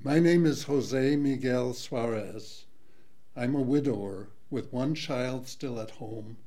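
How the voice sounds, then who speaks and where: A bewildered detainee from Mexico, played by a man, pleading to understand why he is held. He speaks slowly and plainly, in a radio-drama style. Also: mid-range voice, dark tone, lightly acted. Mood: calm. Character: anxious detained widowed male business owner.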